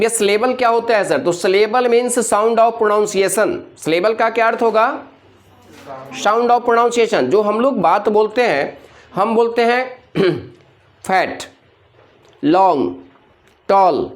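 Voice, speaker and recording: A man's voice: extremely high pitch, slow. A male teacher giving a classroom grammar lecture, constantly quizzing his students with call-and-response questions.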